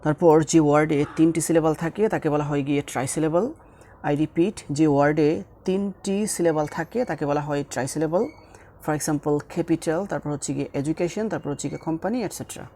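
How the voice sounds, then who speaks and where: A man's voice: fairly high pitch, steady tone, a little fast, warm tone, slight background noise. A man teaching English grammar in a YouTube lesson, repeating each rule and mixing with English.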